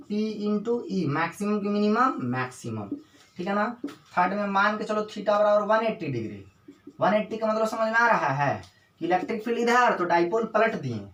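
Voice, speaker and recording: A man teaching a physics lecture, constantly asking his students questions and answering them himself, repeating definitions slowly word by word. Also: high-pitched, fairly bright tone. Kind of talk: classroom lecture. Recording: echoey room, voice from a distance.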